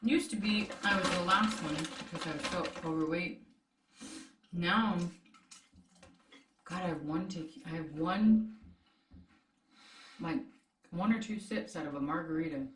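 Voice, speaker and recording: A woman's voice: lowish voice, a little slow, long pauses. A woman co-hosting a casual food vlog, chatty and teasing with an easy laugh. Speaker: vlog co-host. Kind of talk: casual chat. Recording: echoey room, distant mic.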